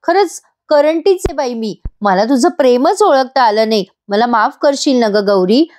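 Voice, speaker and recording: A woman's voice: a little high, expressive, moderate pace, a little mellow, lightly acted. A woman reading a remorseful young sister-in-law. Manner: earnest, apologetic, coaxing. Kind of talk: voice-over recap reading a character's lines.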